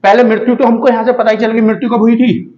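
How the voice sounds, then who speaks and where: A man's voice: very high-pitched, flat delivery, quick pace. A man teaching a casual history lesson for exam students, asking himself questions and answering them, checking in with listeners often. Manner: rhetorical questions answered himself, frequent checks like "theek hai". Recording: dull lo-fi recording.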